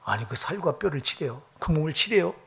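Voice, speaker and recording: A man's voice: fairly high pitch, lively intonation, fairly quick, creaky, fairly bright tone. A man preaching a sermon as pastor, emphatic and often putting questions to the congregation.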